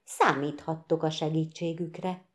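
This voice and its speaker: A woman voicing a kindly, self-assured frog prince who plays host, calm and measured, in a storybook reading. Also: low voice, close to an everyday voice. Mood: friendly.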